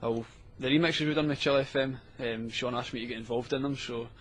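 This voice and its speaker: A man's voice: medium pitch, fairly even intonation, a little fast, a little hiss or hum. A Scottish man guesting in a radio studio, talking casually and easygoing, often agreeing with "aye". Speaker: music producer guest. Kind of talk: casual radio interview chat.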